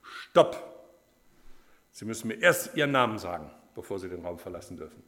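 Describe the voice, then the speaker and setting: A man voicing a stern male professor who barks a sharp command. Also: low voice, sing-song, normal speed, in a large hall. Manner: barking, commanding.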